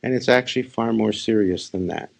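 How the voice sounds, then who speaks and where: A spiritual teacher guides a meditation during a live session, his voice very deep with a gravelly creak. He lets short phrases out slowly, leaving pauses in between.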